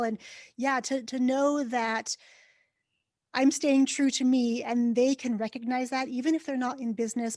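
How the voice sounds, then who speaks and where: Woman podcast host, high voice, upbeat and enthusiastic, dry close sound. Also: darkish tone, dry recording. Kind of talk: podcast interview.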